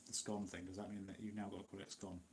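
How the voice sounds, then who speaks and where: Speaking quickly in a low, level voice, this Nottinghamshire man hosts a chatty, rambling live Q&A on his livestream, laughing frequently. His accent is East Midlands English, and there's a little hiss or hum in the recording.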